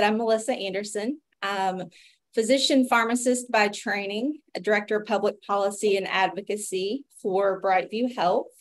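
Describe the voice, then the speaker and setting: Female webinar host, thirties, Appalachian accent, medical presenter on a video call. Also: mid-range voice. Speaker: webinar host, physician and pharmacist.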